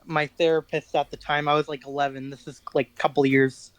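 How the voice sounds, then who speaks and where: A man's voice: fairly high pitch, little pitch movement, quick pace, no echo. A teenage boy, guest musician in an interview, telling rambling self-deprecating stories in casual chat. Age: teens.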